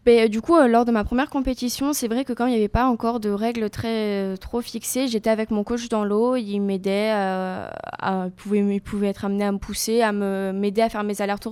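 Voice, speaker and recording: A woman's voice: medium pitch, darkish tone, clear, resonant tone. A young woman, an athlete guest, answering interview questions casually and searching for her words. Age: young adult. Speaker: para-surfing champion guest.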